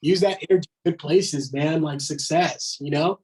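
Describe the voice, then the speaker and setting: A man's voice: a little high, moderate pace, darkish tone, slightly rough, poor audio. A man in his thirties, a podcast guest, talking in a blunt, emphatic way, swearing and filling his talk with "man". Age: 30s. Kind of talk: casual podcast chat.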